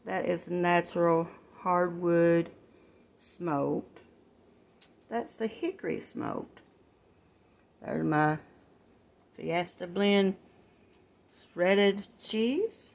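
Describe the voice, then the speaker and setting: An older woman, a vlogger, chats casually about her grocery haul from her kitchen at home, recorded on a phone and calling her viewers "y'all." Her homely, relaxed voice is fairly low, very slow, with vocal fry and frequent pauses.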